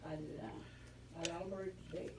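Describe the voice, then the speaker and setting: A woman's voice: on the low side, steady tone, takes it slowly, background noise. A woman telling a story casually in conversation, picked up at a distance. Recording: distant from mic, overlapping chatter.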